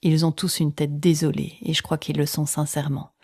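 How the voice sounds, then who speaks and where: Dark, low-voiced woman telling an intimate story. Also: little pitch movement, gravelly, slightly rough, dry recording, studio quality. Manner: dramatic pauses, dropping into near-whispers, acting out quoted speech. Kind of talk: intimate first-person narrated personal story.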